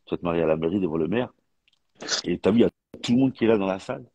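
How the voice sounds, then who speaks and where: Man, deep husky voice, dry sound, chatty storyteller. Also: very fast, darkish tone, no echo. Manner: storytelling, repetitive restarts. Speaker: live stream participant. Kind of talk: casual chat.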